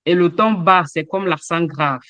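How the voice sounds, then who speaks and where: A man teaches a language class online, going through examples one syllable at a time. His voice sits a bit high for a man, and he talks very slowly and deliberately. The sound is dry and close. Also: pushed and bright, no echo. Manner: slow, explains with repeated examples and hesitations. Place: home, over a video call. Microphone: computer mic on a video call.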